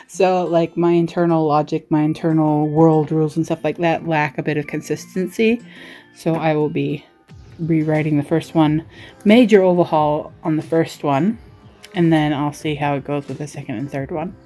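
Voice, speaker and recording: Lower-voiced woman, rambling casual vlogger. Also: fairly even intonation, normal speed, dark tone, soft background music. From Australia. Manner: rambling, giggly, self-deprecating. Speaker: vlogger and writer giving a desk tour. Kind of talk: casual chatty show-and-tell.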